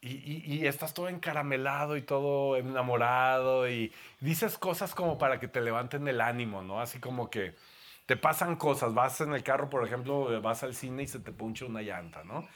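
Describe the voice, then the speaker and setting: A man's voice: medium pitch, normal speed, a bit bright. A man with a Mexican Spanish accent, a pastor giving a playful, conversational sermon to a congregation in a church.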